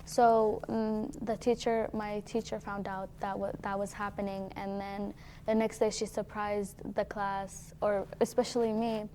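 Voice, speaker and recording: Teen girl from Syria, mellow flat delivery, casual filler-heavy talk. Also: medium pitch, unhurried, slight background noise. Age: teens. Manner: casual, uses "like" often. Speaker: guest. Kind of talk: personal storytelling.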